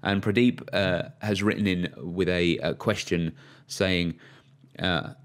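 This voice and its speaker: A man hosting a cricket podcast in casual chat, talking in a relaxed way with fillers and restarts. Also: low voice, slow. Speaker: podcast host.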